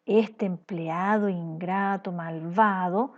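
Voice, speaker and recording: A woman's voice: fairly low pitch, steady tone, slow, highs cut off. A woman teacher telling a parable to children in a patient, questioning storytelling style.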